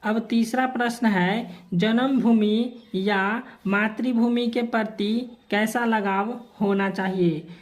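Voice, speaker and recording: Slow-paced woman teacher explaining answers. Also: mid-range voice, fairly even intonation. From Bihar, India. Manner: slow, repeats formulaic phrases while writing answers. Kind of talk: homework answer walkthrough lesson.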